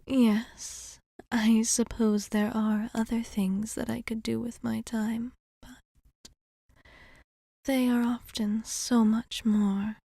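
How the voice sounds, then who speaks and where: In an ASMR roleplay, a woman plays a polite, affectionate vampire bartender who has lived for centuries, speaking formally and gently, often dropping to a breathy whisper with long, lingering pauses. Her slightly high voice is heavily acted, the studio-quality audio free of echo, and the mood fond and playful.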